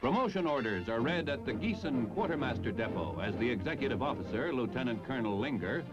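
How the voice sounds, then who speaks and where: On an old film soundtrack, an American man narrates a scripted 1950s-60s military newsreel over music with a jaunty, polished announcer style. His medium-pitched voice has lively intonation and a quick pace. The recording is muffled.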